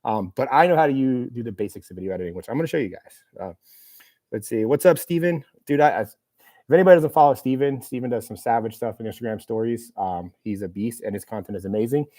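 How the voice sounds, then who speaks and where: A man hosts a live Q&A in a room with a camera operator, chatting casually in a rambling, self-deprecating way full of fillers. His mid-range voice is warm and fast.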